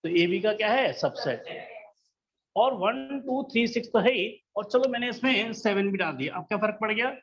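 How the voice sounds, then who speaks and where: A man's voice: sits high, expressive, moderate pace, fairly bright tone, dull audio. A man teaching a math class, patient and coaxing, often checking that students follow along. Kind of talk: classroom lesson.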